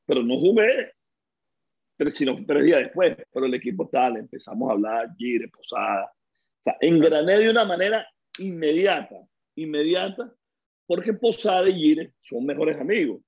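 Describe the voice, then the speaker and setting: A middle-aged Venezuelan man with a gravelly, somewhat husky voice pitched a little high. He talks like a guest telling stories in a casual interview and acts out the voices of the people he quotes. The recording sounds dull and lo-fi. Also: normal speed. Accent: Venezuelan Spanish. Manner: lively storyteller who acts out quoted dialogue. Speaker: guest, former baseball player.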